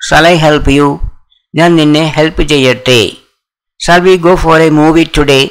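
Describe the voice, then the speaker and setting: Male English tutor, Malayali accent, unhurried sentence-by-sentence drill. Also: a little high, fairly even intonation, fairly bright tone, clear, resonant tone, rough recording. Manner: reads each English sentence slowly, then the translation faster. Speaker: English teacher. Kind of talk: slow sentence drill with translations.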